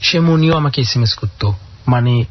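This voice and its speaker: A man's voice: medium pitch, normal speed. A man calling in to a radio show, earnestly telling a long personal story full of quoted dialogue. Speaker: caller. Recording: dull lo-fi radio audio.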